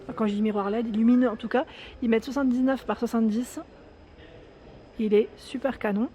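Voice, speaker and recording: A woman's voice: on the high side, fairly even intonation, fairly quick, mellow. A woman with a French accent chatting enthusiastically as she walks through a store and reads out prices and sizes. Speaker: shopping vlogger. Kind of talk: casual store walkthrough. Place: large home improvement store, indoors.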